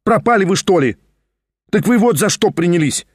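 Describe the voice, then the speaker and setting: A feverish young nobleman rattles on in a raised, quick, needling voice, as a male reader puts him on. He talks over everyone, insistent and fussy, recorded close and dry in a storybook reading. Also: fairly high pitch, animated, no room sound. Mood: furious. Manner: chattering, rapid and insistent.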